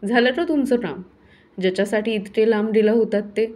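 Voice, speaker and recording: A woman voicing a blunt young adult son in a storybook reading, speaking in a slow, drawn-out teasing way. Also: mid-range voice, darkish tone, natural voice. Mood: curious.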